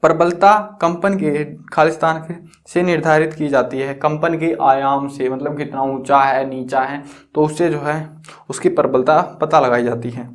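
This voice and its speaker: Young guy teaching science, kinda high voice, joking around and quizzing himself. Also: steady tone, normal speed. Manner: chatty, teasing, asks and answers his own questions. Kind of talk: casual classroom explanation.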